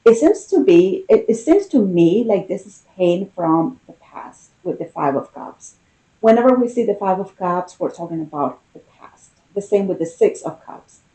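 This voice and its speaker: A woman giving an intimate tarot reading in a casual, conversational manner, with unhurried, drawn-out emphasis and a mellow, soft-edged voice. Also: mid-range voice, lively intonation, rough recording. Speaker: tarot card reader.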